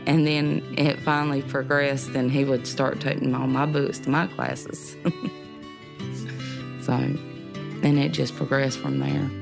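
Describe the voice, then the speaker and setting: A woman's voice: a bass voice, flat delivery, slow pace, vocal fry, long pauses. A woman, casually telling a story and laughing often. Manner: laughing, talkative. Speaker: interviewee, wife. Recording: music underneath.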